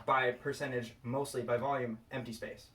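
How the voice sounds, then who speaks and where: A man's voice: medium pitch, flat delivery, far from the mic, very noisy. A man co-hosting a casual show, bantering in an eager, jokey way. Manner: jokey, eager, quick to laugh along. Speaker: science segment co-host.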